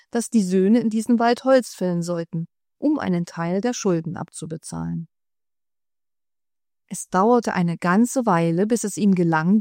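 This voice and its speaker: Slow, calm woman telling a fairy tale. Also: mid-range voice, no echo, studio quality. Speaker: storyteller. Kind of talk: scripted fairy-tale narration.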